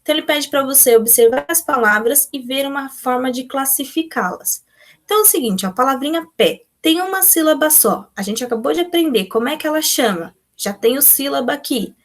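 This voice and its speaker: Brazilian woman, teacher, patient step-by-step explaining, slightly high voice. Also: expressive, a little fast. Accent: Brazilian Portuguese. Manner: patient, explains step by step, answers pupils' imagined questions. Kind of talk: remote class walkthrough of textbook exercises.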